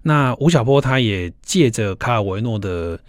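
A younger man with a Taiwanese Mandarin accent, a doctor guest on a radio show, explaining things in a measured, lecturing way. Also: mid-range voice, animated, no room sound, clean studio sound. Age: young adult. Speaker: guest, doctor and book reviewer. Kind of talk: explanatory interview talk.

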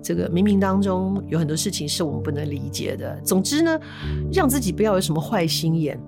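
Lively woman storyteller. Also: on the low side, fairly quick, gravelly, over music. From Taiwan. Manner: chatty, animated storytelling with Hokkien asides. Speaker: podcast host. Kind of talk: storytelling podcast.

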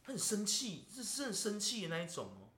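A man's voice: sits high, huge pitch swings, a little fast, bright, forceful tone. A man with a Taiwanese Mandarin accent, hosting a podcast and venting in casual chat, constantly asking "you know?". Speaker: podcast host. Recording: roomy echo.

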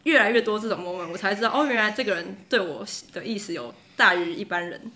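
A young woman with a Taiwanese Mandarin accent talks quickly, telling a story in a chatty, laughing way. Her voice is bright and clear, at a middle pitch. She sounds like a co-host chatting with friends on a podcast. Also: lively intonation. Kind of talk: casual chat.

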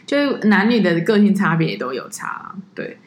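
On a casual podcast, the co-host describes her tour-leading work in a fairly quick, lowish voice, animatedly playing the people she quotes. Her voice is reverberant, with slight background noise behind it.

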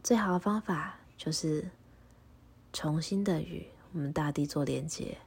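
A woman guiding a meditation in a low, soft voice that slips into a breathy half-whisper. Her tone is unusually smooth and rounded. She speaks slowly and calmly, giving instructions step by step. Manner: slow, calm, instructive. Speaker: meditation guide. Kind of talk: guided meditation and prayer.

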